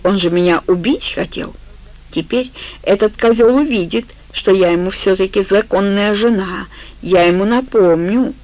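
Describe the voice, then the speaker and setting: A woman's voice: mid-range voice, moderate pace, a little mellow, close to an everyday voice, poor audio. A woman voicing a tipsy, frightened middle-aged drunk woman who whines and hiccups. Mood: grumbling.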